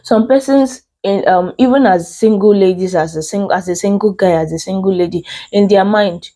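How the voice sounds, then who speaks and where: A woman's voice: mid-range voice, normal speed, warm tone. A woman with a Nigerian accent and a congested, unwell voice hosts casual relationship advice, speaking emphatically with repeated phrases and posed questions. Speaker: host.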